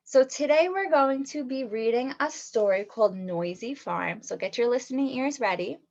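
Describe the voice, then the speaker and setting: A woman's voice: a little high, lively intonation, normal speed, creaky, a little mellow, lo-fi sound. A woman teacher giving an online read-aloud lesson to young children, asking them questions and praising their answers.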